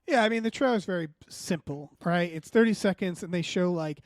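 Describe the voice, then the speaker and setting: A man with a notably high voice hosts a casual film podcast. He rambles conversationally, swearing freely and leaning on "like" as he goes. The sound is dry, with no room echo. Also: a little fast. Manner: rambling, frequent "like", profane. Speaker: podcast host.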